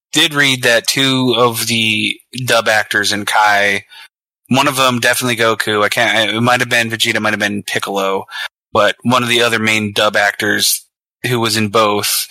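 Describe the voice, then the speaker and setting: A man's voice: on the low side, fairly even intonation, measured pace, sharp tone, no echo, poor audio. A young man co-hosting a casual podcast, hedging and restarting his sentences as he thinks aloud. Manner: hesitant, hedging, restarts often. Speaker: podcast co-host.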